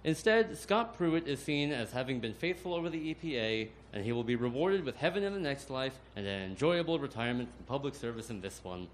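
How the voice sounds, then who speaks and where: A man's voice: mid-range voice, slight background noise. A man reading a satirical op-ed on stage at a live comedy show, with a sardonic, pointed delivery. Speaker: comedy op-ed writer.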